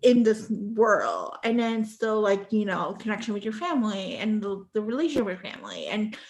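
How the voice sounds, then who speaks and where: A woman's voice: medium pitch, animated, darkish tone, low-quality recording. Woman host from Puerto Rico; casual, filler-heavy interview talk. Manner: frequent "like" and "you know", quick backchannel "mm-hmm". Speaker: podcast host.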